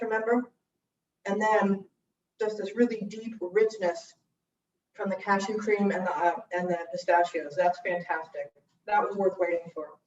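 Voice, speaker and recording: A woman's voice: mid-range voice, slight background noise. A woman hosting a livestreamed cooking class, chatting casually as she tastes dishes and describes their flavors. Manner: chatty, tasting and describing food aloud. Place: church room. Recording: roomy, dull livestream audio from a distance.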